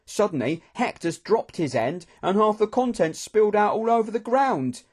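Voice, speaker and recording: A man reading a novel aloud in the first person, steady and expressive. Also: high voice, moderate pace. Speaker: audiobook narrator.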